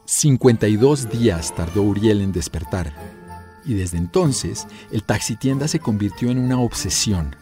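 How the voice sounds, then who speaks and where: Low mellow guy narrating a documentary, calm and scripted, faint music behind. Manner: measured, scripted delivery. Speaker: narrator and interviewer.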